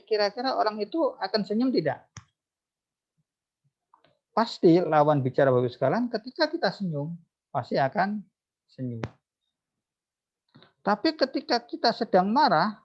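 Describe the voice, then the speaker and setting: A psychologist giving an online seminar talk, often asking his audience rhetorical questions and addressing them formally. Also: fairly high pitch. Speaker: psychologist speaking at a webinar. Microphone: video call. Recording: dull lo-fi video call audio.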